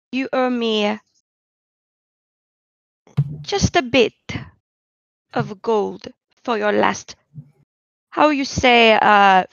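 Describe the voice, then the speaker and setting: Woman voicing a French-accented rogue, smooth and haughty, quiet and dry. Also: medium pitch, no room sound, highs cut off. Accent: French put-on. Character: suave French rogue demanding owed gold.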